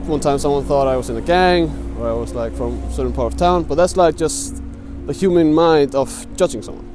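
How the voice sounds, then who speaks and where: A young man, a student answering a street interview in halting, searching English. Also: fairly high pitch, music in the background. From Iceland. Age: young adult.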